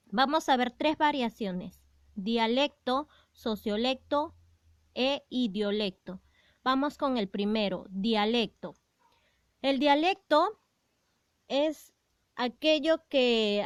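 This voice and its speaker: A woman from Peru, teaching a school lesson in a slow, explanatory way that stresses key words. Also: a little high, clean tone, dry recording, clean studio sound. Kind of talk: classroom lesson.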